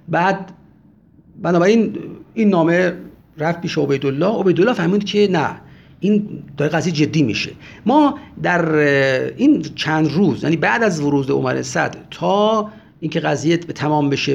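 A man's voice: on the high side, vocal fry, slightly rough. A man giving a religious history lecture, speaking emphatically and often urging listeners to pay close attention. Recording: dull lo-fi recording.

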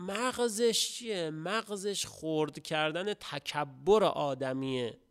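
A middle-aged man delivers a religious lecture in a gravelly voice that sits a little high for a man. He talks haltingly, pausing and restarting, and then lifts into strong, emphatic stresses. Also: fairly bright tone.

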